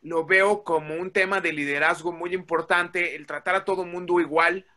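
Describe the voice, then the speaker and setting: A man tells a story from his working life in a lively, animated way. He acts out both sides of the conversations and swears easily along the way. His voice sits high for a man and sounds bright. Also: moderate pace. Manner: animated, acts out quoted dialogue, swears casually. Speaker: guest telling a work story. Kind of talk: casual storytelling.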